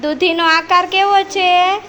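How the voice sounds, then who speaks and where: Woman preschool teacher, very high voice, unhurried patient questioning, faint room hum behind. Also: steady tone, a bit bright. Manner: slow, patient, repeats each child's answer. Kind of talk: classroom questioning of small children. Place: preschool classroom.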